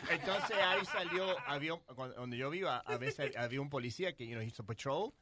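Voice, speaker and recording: A man's voice: medium pitch, brisk, crowd noise. A man telling a story in casual chat, acting out quoted voices and switching between Spanish and English. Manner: animated storyteller who acts out the quoted voices.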